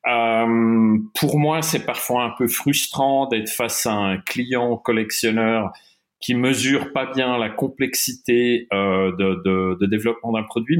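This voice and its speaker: Speaking in a mid-range voice, a middle-aged German-speaking man from Switzerland appears as a watch-industry interview guest. He often restarts sentences and leans on plenty of fillers.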